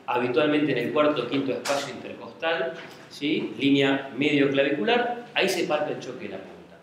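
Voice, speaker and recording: A man's voice: medium pitch, animated, moderate pace. A man giving a medical lecture, explaining step by step and checking in with the class often. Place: lecture room. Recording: very echoey classroom with faint hiss.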